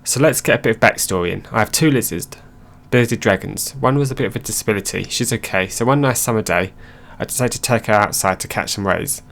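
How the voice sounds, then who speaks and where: A man narrating online stories aloud in a plain, steady reading voice. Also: on the low side, brisk, gravelly, few pauses.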